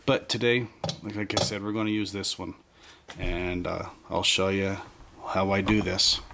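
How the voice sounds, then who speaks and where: Man, low voice, plainspoken casual demo, hiccups, audible background noise, camera mic. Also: little pitch movement, normal speed, creaky, bright, forceful tone. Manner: plainspoken, rambling, self-interrupting. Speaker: hobbyist reloader. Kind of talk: casual how-to demonstration.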